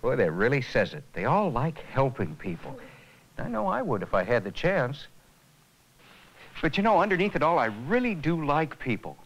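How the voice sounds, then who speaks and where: A man playing the lead in a 1980s training film talks with earnest reflection about what he's learned, using lively intonation. His voice is mid-range, slightly rough, and moderately paced, captured in a low-quality recording.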